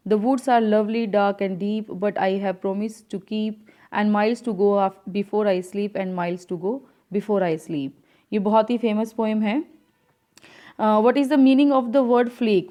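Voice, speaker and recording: A woman teacher, explaining answers to an English exam step by step, reading the English questions out slowly. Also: on the high side, warm tone. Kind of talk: exam answer key lesson.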